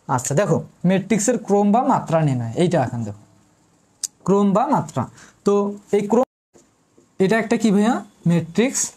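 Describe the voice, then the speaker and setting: A woman's voice: mid-range voice, warm tone, husky. A woman math tutor, teaching an online lesson in an informal way. She quizzes students, answers her own questions, and repeats the key terms.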